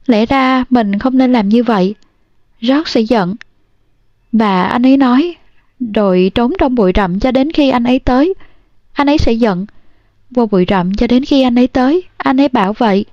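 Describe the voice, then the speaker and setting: A childlike, pleading giant farmhand, as a woman reader puts him on. He talks simply and anxiously, in a slightly high voice. The recording is dull and dry. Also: normal speed, no room sound, close to an everyday voice. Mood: frightened. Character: simple-minded giant man, gentle but frightened.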